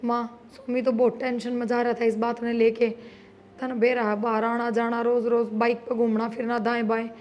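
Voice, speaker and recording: A woman's voice: on the high side, monotone, moderate pace, lo-fi sound, lightly acted. A young woman playing a persuasive, scheming married daughter with a Haryanvi accent, in a comedy drama.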